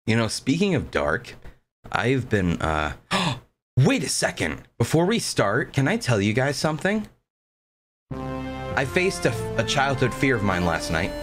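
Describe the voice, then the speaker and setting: A man's voice: medium pitch, sing-song, measured pace. A young man chatting casually on a livestream, rambling informally as he tells stories. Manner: rambling, informal storytelling with swearing. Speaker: game streamer. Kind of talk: casual livestream chat over gameplay. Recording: game music behind the voice. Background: game music.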